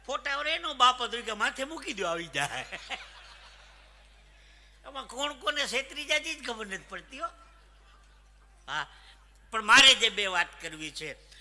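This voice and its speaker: Male folk comedian, high bright voice, live stage show with long hall reverb, animated punchlines. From Saurashtra, Gujarat. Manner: animated joke-telling, punchlines. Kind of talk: live stand-up storytelling.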